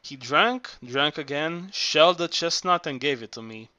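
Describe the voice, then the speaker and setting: A man narrating an audiobook in a halting way, often repeating words. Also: a little high, expressive, bright, forceful tone, no room sound. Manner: halting, frequent word repeats. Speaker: audiobook reader.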